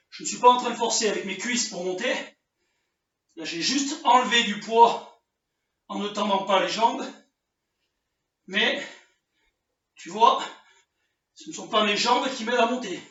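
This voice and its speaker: A man leads a home workout and encourages the listener while he strains through the exercises. His voice sits high and comes in slow and deliberate. It is picked up from a distance in a strongly echoing room with a dull, muffled sound. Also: fairly bright tone. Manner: counts reps aloud, grunts with effort, encouraging. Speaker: fitness coach.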